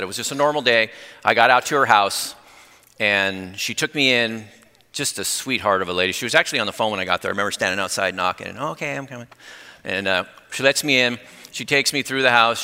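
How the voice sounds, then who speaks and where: A middle-aged man giving a conversational sermon with personal testimony, earnest and growing excited, speeding up when fired up. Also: lowish voice, clean tone. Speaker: lay preacher. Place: church. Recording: long reverb in a church hall.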